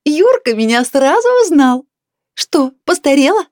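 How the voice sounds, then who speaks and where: A woman reading aloud, voicing a loud, brash, overbearing woman of about sixty who shrieks her lines. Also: high-pitched, sing-song, a little slow, no echo, studio quality, pitched above the performer's own voice. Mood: shrieking. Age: 60s.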